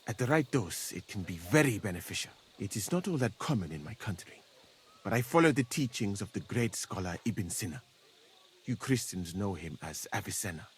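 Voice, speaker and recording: A man voicing a calm, learned foreign physician in a game, speaking in a formal, measured and dryly ironic way. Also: lowish voice, breathy edge.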